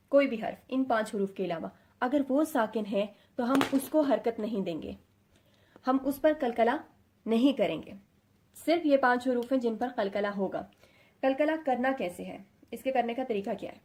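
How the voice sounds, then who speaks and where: A woman's voice: fairly high pitch, a little mellow. Patient woman teaching letter sounds. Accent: Pakistani Urdu. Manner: mixes English words into Urdu. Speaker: Quran recitation teacher. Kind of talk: explanatory lesson, addressing students.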